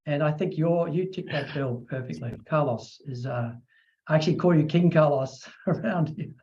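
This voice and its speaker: Man, middle-aged, podcast host, chatty, animated, somewhat high voice, muffled lo-fi audio. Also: normal speed. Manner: chatty, animated, acts out quotes. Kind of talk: casual interview chat. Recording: dull lo-fi sound.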